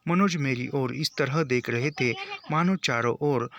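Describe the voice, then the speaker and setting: A man teaching a play, reading lines aloud and then paraphrasing them in plain words, with a slow, halting delivery and frequent restarts. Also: medium pitch, fairly bright tone, a little hiss or hum. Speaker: literature teacher.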